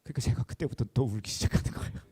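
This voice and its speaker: A man's voice: racing, warm tone. A pastor in his forties giving a sermon, telling a personal story in an earnest, emotional way at a church service.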